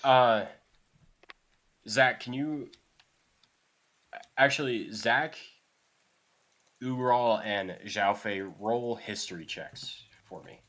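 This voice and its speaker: A man's voice: mid-range voice, very slow, pauses often, a bit bright. A man narrating as dungeon master of a tabletop game, casual and loose, swearing now and then.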